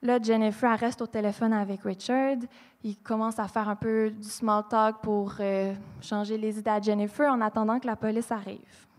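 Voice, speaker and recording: A woman with a Québécois accent telling a true crime story on stage at a live podcast taping, animated and acting out the quoted lines, with many fillers. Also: medium pitch, moderate pace. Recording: long hall reverb from a live venue.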